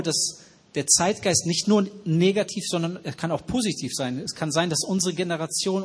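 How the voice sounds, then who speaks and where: A man's voice: a little high, breathy edge. A man preaching an interactive sermon in a church hall. He asks the congregation questions and repeats their answers. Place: church hall with noisy ventilation.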